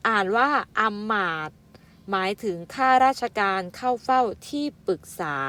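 A primary school teacher, a woman, reading out vocabulary syllable by syllable for young pupils, with gentle polite fillers and a motherly way of addressing them. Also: medium pitch. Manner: spells out words syllable by syllable and adds polite "na kha" fillers. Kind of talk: slow, careful vocabulary lesson for young children.

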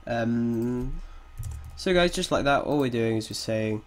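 Keyboard typing fills the background as a man with a cold walks through a relaxed screen-recorded coding tutorial on game development. His medium-pitched voice is a bit croaky but expressive, and he reasons aloud hesitantly, chuckling whenever he makes an error.

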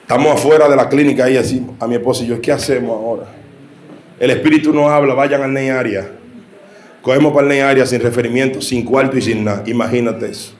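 A male preacher giving a sermon with a personal testimony, shifting between hushed storytelling and fervent shouting. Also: mid-range voice, steady tone, quick pace, slight background noise. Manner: fervent, rising to shouting exhortation. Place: church hall with congregation. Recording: echoey church hall with congregation.

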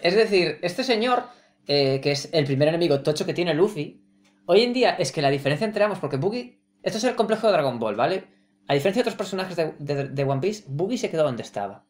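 A woman's voice: on the low side, quick pace. A woman with a Spain Spanish accent co-hosting a podcast, retelling scenes wryly in casual chat. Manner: wry, animated retelling with sound effects. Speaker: podcast co-host.

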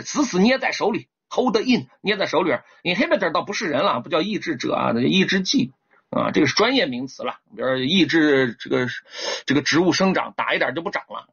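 A lively, fairly high-voiced man teaches English vocabulary in an animated livestream lesson, his pitch swooping up in sudden exclamations. His voice is husky and a little rough. The audio is dull and lo-fi. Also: a little fast. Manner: animated, asks viewers to type one.

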